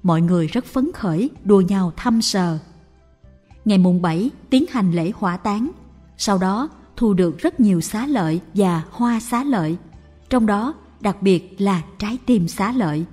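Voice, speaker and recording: A woman slowly and calmly reading a Buddhist story aloud. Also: medium pitch, slightly rough. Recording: reverberant with faint music.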